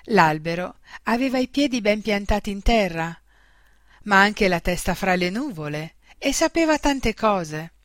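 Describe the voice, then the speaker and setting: A woman reading a children's storybook aloud in a gentle, expressive way. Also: mid-range voice, measured pace, no echo, clean studio sound.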